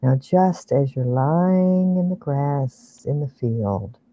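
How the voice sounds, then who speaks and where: Online meditation guide: slow, soothing, hushed delivery, medium pitch, dry but dull lo-fi recording. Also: expressive. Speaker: relaxation guide leading an online session. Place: online video call with screen sharing.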